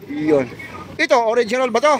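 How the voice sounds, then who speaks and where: A man with a high voice chats briskly at an outdoor street market as light rain falls. He keeps up a lively running patter full of tag questions, as if filming on a handheld phone. The sound has the feel of a casual street vlog. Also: noisy background. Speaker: vlogger showing goods at a market stall.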